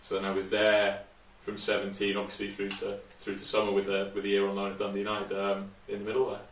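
A man's voice: lowish voice, completely flat delivery, fast. A man in his twenties from Shrewsbury, England, talking as a guest footballer in a casual interview, hesitant and rambling with many fillers. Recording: roomy room, distant mic, faint noise.

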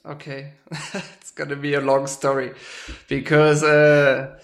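Gravelly halting man. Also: on the high side, monotone, a bit bright. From Germany. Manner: halting, often ends with "right?". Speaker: farmer and guest. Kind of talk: casual interview talk.

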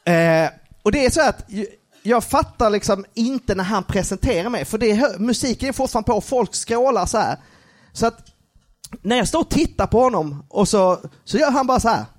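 Very high-pitched young man, live storytelling, laughing, lots of fillers. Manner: lively, laughing, full of filler words. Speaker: comedian telling a story.

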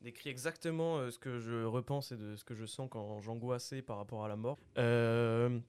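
Young guy hosting a podcast, smooth clear voice, lots of euh's. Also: mid-range voice, steady tone, normal speed, a little mellow. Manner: hesitant, many fillers. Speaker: podcast host. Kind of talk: casual podcast chat.

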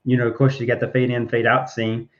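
A man co-hosting a casual podcast chat, describing an idea haltingly with many fillers. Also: medium pitch, level tone. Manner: halting, many fillers and restarts as he builds a scene. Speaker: podcast co-host. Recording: dull lo-fi sound.

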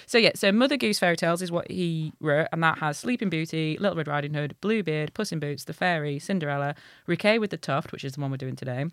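A woman from Hull with a Hull accent, hosting a podcast in casual, animated, jokey storytelling chat. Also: sits low, fast, few pauses, dry recording, clean studio sound. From Hull, England. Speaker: podcast host telling a fairy tale.

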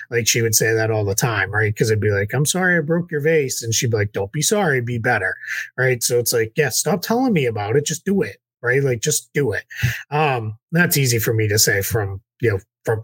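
A man's voice: mid-range voice, a bit bright, no echo. A man from Massachusetts co-hosting a podcast, chatting casually about basketball from his home office, rambling with lots of fillers and laughs. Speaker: podcast co-host. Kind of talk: casual sports chat.

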